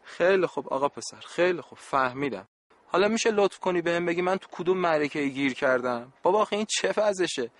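A man's voice: a little high, lively intonation, no echo, natural voice. A man playing a good-natured adult camp supervisor in a radio play, talking in a joking, exasperated, pleading way.

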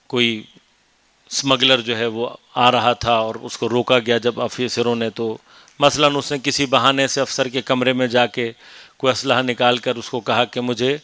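A man giving a measured, explanatory religious lecture on Quranic commentary, rising into emphatic stretches. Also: medium pitch, pushed and bright, no room sound.

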